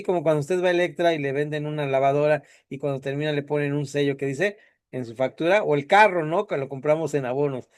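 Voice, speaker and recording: Man, middle-aged, classroom lecture, slightly high voice, dry sound, asks the class questions. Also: a little mellow, no echo. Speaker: teacher.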